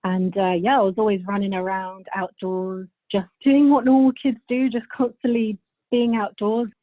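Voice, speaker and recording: A woman's voice: medium pitch, steady tone, moderate pace, dry recording. A woman in her thirties from Bulgaria, a podcast guest answering questions in a chatty, rambling way and laughing often. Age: 30s. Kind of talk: casual interview answers. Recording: thin phone-like line.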